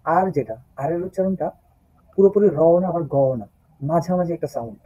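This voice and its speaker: A man's voice: fairly high pitch, normal speed, mellow, breathy edge, no room sound. Patient man teaching, dull call audio. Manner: patient, repeats each sound several times. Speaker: German language teacher. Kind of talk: online class, spelling the alphabet aloud. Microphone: laptop mic on a video call.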